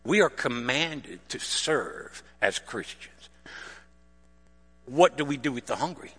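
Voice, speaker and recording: A man preaching with a lively voice that rises and falls widely, asking his listeners rhetorical questions. His tone is bright and forward. It carries a long reverb, as in a big hall. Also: mid-range voice, slow, breathy edge. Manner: explains religious terms plainly. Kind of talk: sermon.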